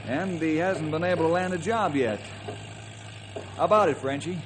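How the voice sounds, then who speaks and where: An actor playing a kindly, earnest American ranger in an old-time western radio drama, with a folksy, reassuring manner. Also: male voice, fairly high pitch, moderate pace, natural voice. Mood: earnest, persuasive.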